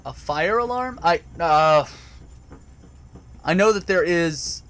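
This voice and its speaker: Answering his live chat from a home basement recording area, a host explains a topic casually and hesitantly, stumbling through many fillers and restarts. His voice is on the high side, expressive and fairly bright, at a slow pace.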